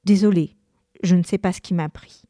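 A woman reads a first-person novel aloud with a mellow, warm tone. Her delivery is measured and expressive, and the sound is dry and close, with no room around it. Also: fairly low pitch, no room sound. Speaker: reader.

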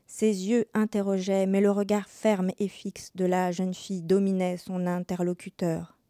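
A woman's voice: mid-range voice, level tone, measured pace, dark tone, no echo, studio quality. A woman who reads a story aloud in a theatrical way and then asks questions as an interviewer. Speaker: reader and interviewer. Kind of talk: theatrical reading.

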